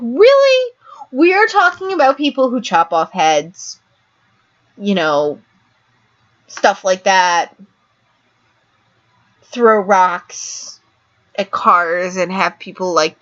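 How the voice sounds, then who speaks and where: A woman giving casual political commentary with sarcastic outbursts, slow rambling asides and many fillers like "um" and "like". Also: mid-range voice, a bit bright, highs cut off. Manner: frequent "like" and "um" fillers.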